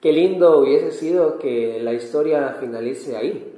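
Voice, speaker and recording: Peruvian man preaching in an echoey hall. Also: a little high. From Peru. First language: Spanish. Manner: calm, measured, pausing for translation. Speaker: missionary preacher. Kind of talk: sermon with interpreter. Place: church hall.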